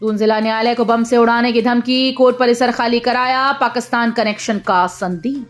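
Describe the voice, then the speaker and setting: Female news reader, slightly high voice, formal bulletin read, light music bed underneath. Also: moderate pace. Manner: steady formal headline delivery. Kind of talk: scripted news bulletin reading.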